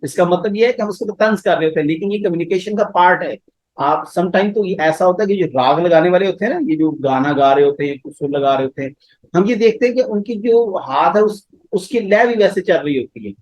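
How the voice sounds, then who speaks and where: A man, a professor, lecturing on communication skills. He explains with everyday examples and mixes slow, deliberate English phrases into his talk. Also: high-pitched, expressive, darkish tone, no echo, low-quality recording.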